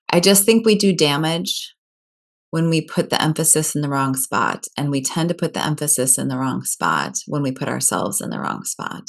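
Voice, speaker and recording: Earnest woman with a very low voice. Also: sing-song, moderate pace, vocal fry. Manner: earnest, apologetic, searching for words. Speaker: podcast discussion participant. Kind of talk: casual discussion of scripture.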